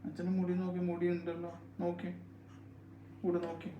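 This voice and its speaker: A father talking softly with his young child at home, coaxing and soothing with repeated gentle questions. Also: high-pitched, completely flat delivery, a little fast, highs cut off, slight background noise. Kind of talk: casual home video chat with his child. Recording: roomy echo.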